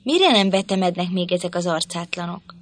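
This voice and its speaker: A woman's voice: on the low side, expressive, dry recording. Pompous older squire, indignant, voiced by a woman. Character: pompous older gentleman, manor lord.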